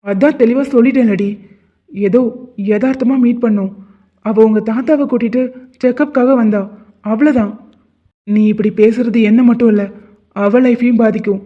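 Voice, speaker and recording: A man voicing an irritated young husband in an animated drama, curt and dismissive. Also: extremely high pitch, moderate pace, pauses often. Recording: tinny phone-like sound.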